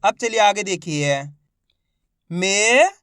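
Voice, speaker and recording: A man teaching Hindi reading, spelling words out syllable by syllable, slow and stretched, encouraging his viewers. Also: high-pitched, a bit bright, smooth, no room sound, studio quality. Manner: encouraging, addresses viewers as friends.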